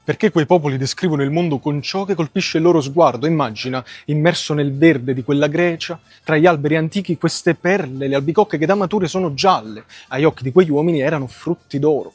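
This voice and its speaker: A man with a Neapolitan Italian accent presenting an educational story in an expressive, emphatic way. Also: a little high, brisk, hardly any pauses, breathy edge, no echo. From Naples area, Italy. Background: music.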